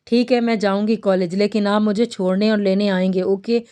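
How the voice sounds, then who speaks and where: A woman voicing a timid, childlike young woman who pleads softly, in a romantic novel read aloud. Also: medium pitch, fairly even intonation, clear, resonant tone, close to an everyday voice. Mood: pleading. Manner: soft, pleading.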